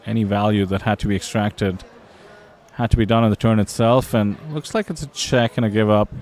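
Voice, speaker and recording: A man commentating a live poker tournament in a lowish voice. He walks through each bet in an easygoing, explanatory way, calling the action as it happens. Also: steady tone, brisk, darkish tone.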